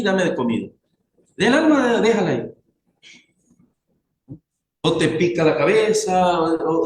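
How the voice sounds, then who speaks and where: A man's voice: high voice, a little hiss or hum. Man preaching in an echoey room. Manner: conversational, asks the congregation questions. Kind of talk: sermon.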